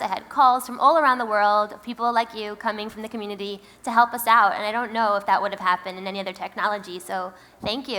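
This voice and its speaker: A woman with a Queens, New York accent, a company founder, gives a conference keynote in a medium-pitched voice that's bright and forceful. Her style is wry, conversational, and full of emphasis.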